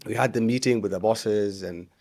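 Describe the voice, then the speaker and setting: A man's voice: fairly low pitch, moderate pace, darkish tone. A Kenyan man, a comedian and radio presenter, chatting casually as an interview guest, upbeat and full of fillers and restarts. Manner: upbeat, code-switching, many fillers and restarts.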